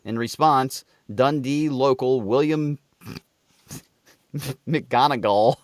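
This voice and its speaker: A man's voice: mid-range voice, slow pace, dry recording, clean studio sound. A man co-hosting a comedy podcast, telling stories with lots of jokes and laughter. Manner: joking, laughs often, animated storytelling. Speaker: podcast co-host. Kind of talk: casual comedic chat.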